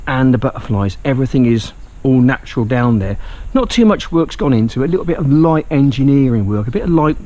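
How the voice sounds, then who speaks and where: A man's voice: mid-range voice, animated, fast talker, hardly any pauses, dark tone, muffled recording. A man from England talking casually in a video diary, rambling and joking about himself. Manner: chatty, self-mocking, rambling. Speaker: vlogger. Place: outdoors.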